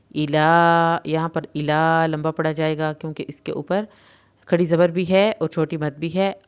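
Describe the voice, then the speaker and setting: Female recitation teacher with an Urdu accent, crisp clear voice, explains then recites slowly. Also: sits low. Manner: clear explanations alternating with slow drawn-out recitation. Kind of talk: tajweed lesson, explaining and reciting.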